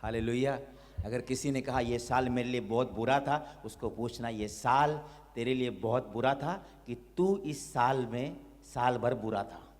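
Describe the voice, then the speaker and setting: एक पुरुष पादरी, जो उपदेश देते हुए हालेलुया दोहराते हैं और लोगों से ऊंचे, भावुक स्वर में प्रार्थना करवाते हैं।. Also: male voice, medium pitch, unhurried. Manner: exhorting, repeats hallelujah; leads a loud impassioned prayer. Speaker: pastor. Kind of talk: sermon. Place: church hall. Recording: long reverb of a church hall.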